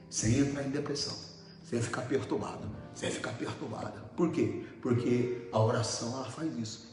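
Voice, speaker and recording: A middle-aged Brazilian man preaching a sermon as pastor, talking in an emphatic, conversational way and putting questions to the congregation. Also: mid-range voice. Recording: very echoey hall, faint noise.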